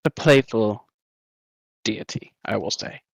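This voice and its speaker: A man's voice: lowish voice, slow pace, gravelly, dry recording. Playful man in tabletop role-play. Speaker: player.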